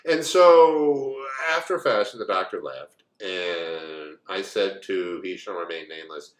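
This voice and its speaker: A co-host in his forties from the United States tells a personal story in a low, animated voice, rambling casually and unhurriedly with many asides. The room he's in is echoey.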